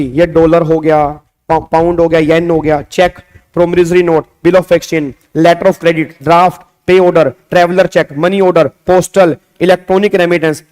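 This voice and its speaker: An Indian man with a high voice teaches tax law to an online class. He teases his students playfully and keeps putting questions to them as he explains. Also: darkish tone. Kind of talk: lively online lecture.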